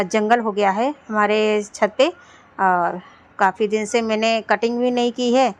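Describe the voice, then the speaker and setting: A woman in her thirties, a homemaker, chatting casually through her daily chores at home in a rambling vlog style with frequent restarts. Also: medium pitch. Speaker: homemaker vlogger. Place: at home, indoors and on a rooftop.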